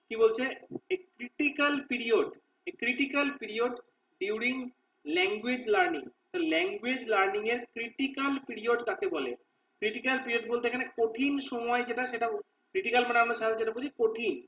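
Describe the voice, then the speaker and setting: A man teaching exam preparation, reading English answer options slowly and explaining them, often checking "okay?" with listeners. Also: very high-pitched, sharp tone, recorded from a distance, highs cut off. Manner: reads English options slowly, explains in Bengali with repeated "ঠিক আছে?". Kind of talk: Bengali lesson walking through multiple-choice questions.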